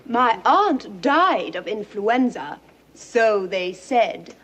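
A woman's voice: mid-range voice, big pitch swings, drawn-out words, a bit bright, slightly rough, exaggerated voice. An actress playing a brash young Cockney flower girl in a 1960s film, telling a blunt story in a broad Cockney accent. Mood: gossipy. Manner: blunt storytelling with posh slips.

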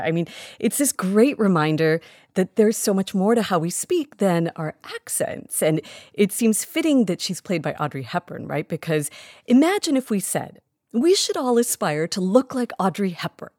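A woman's voice: mid-range voice, sing-song, normal speed, a little mellow, dry recording, clean studio sound. A woman co-hosting a scripted podcast conversation, talking in a thoughtful, emphatic way. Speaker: podcast co-host. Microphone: studio microphone.

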